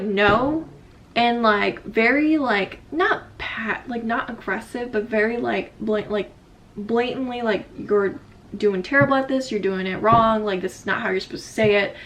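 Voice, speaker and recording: A woman's voice: on the high side, fairly bright tone. A young woman chatting casually through a life update while doing her makeup, rambling with lots of "like" and restarts. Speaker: vlogger. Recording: slightly distant mic, faint room noise.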